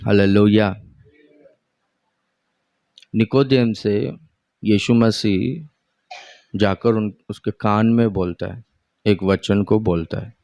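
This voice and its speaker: A man preaching a sermon as pastor, speaking in an unhurried, conversational way and putting questions to his congregation. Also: on the low side, fairly even intonation, gravelly, darkish tone, dry recording, clean studio sound. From India.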